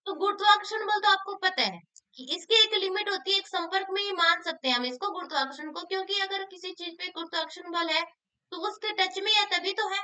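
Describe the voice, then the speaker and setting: A woman's voice: extremely high pitch, brisk, bright, forceful tone. A woman teacher, explaining exam questions and answering her own questions. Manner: asks questions then answers them herself; repeats key answers for emphasis.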